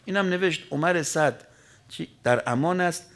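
A man preaching an emotional religious sermon, telling a story with sudden surges of pitch and volume that fall back to a low murmur. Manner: dramatic storyteller, voice surging high and loud then dropping low.

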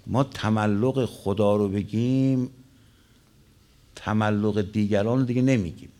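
A man's voice: on the low side, fairly even intonation, warm tone. A man preaching a religious sermon, telling stories and quoting Arabic lines, his voice rising and dropping.

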